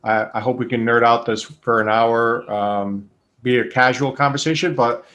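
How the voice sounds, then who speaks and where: A man's voice: mid-range voice, fairly even intonation, moderate pace, fairly bright tone, dull audio. A man in his forties, born in Colombia and raised in New England, talking through his career in a thoughtful, methodical way. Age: 40s. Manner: thoughtful, methodical, with frequent restarts and fillers. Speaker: guest, engineer. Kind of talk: casual interview.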